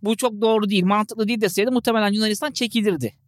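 A man co-hosting a casual podcast chat, teasing his partner and cutting in with quick jokes. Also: high-pitched, fairly even intonation, no room sound, studio quality. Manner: jokey, teasing, quick interjections. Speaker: podcast co-host.

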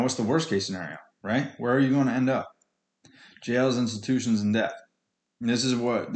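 Echoey, low-voiced man, blunt and earnest. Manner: blunt, earnest, sweary, colloquial. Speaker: podcast host speaking on addiction recovery. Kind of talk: informal motivational monologue.

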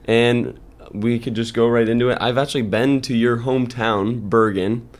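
With a medium-pitched voice, fairly even intonation, and normal speed, a young adult podcast co-host chats casually. He tells meandering stories and uses a lot of filler words.

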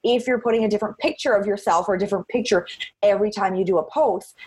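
An outgoing woman chats in an interview. Her voice has a husky edge, and she leans on repeated phrases to press her points. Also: medium pitch, fast, darkish tone. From Cape Breton, Canada. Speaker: interview guest, social media marketer. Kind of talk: conversational interview.

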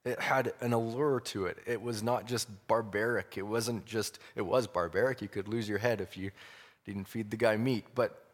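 A man preaching conversationally, halting and repeating phrases for emphasis. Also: fairly low pitch, fairly even intonation. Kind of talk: conversational sermon. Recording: long hall reverb.

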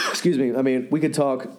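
A man's voice: mid-range voice, fairly even intonation, moderate pace. A man in his thirties hosting a podcast, chatting casually and rambling with lots of fillers and restarts. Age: 30s. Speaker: podcast host.

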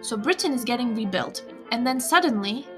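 A young woman hosting a scripted podcast, explaining in a measured way with wry asides. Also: on the high side, animated, faint music behind. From Lithuania. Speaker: podcast host.

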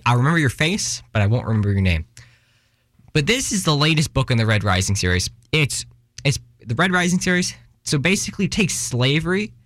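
A man's voice: medium pitch, a bit bright, dry recording. Young guy rambling thru a podcast, jokey and breathless, dry close sound. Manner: rambling, self-deprecating, restarts and fillers, runs out of breath. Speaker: podcast host. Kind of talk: casual solo podcast talk. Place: Washington, US.

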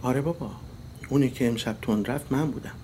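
A man voicing a sharp-tongued wife who needles and mocks her husband in a dry tone. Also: slight background noise, lightly acted. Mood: mocking. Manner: dry, mocking, turns shrill and scolding.

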